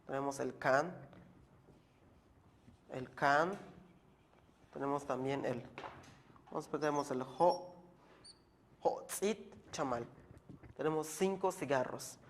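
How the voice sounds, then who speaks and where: A man teaching a language lesson, explaining slowly and patiently and repeating each word so the learner can follow. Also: mid-range voice, a little hiss or hum.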